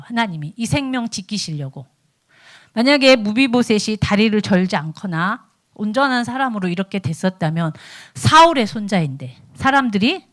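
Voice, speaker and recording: A woman's voice: mid-range voice, a bit bright. A middle-aged woman evangelist giving a morning devotional sermon, telling the story with animation and acting out the quoted dialogue.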